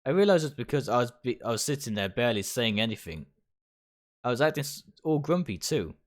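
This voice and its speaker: With music in the background, a man streaming a game reads the first-person text of a visual novel fairly quickly in a sing-song, mid-range voice. He occasionally trips over words and goes back over phrases.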